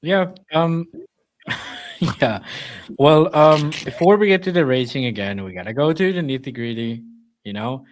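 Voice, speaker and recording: A man's voice: fairly high pitch, lively intonation, measured pace. A man co-hosting a casual podcast, methodically running through race results with many ums. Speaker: podcast co-host.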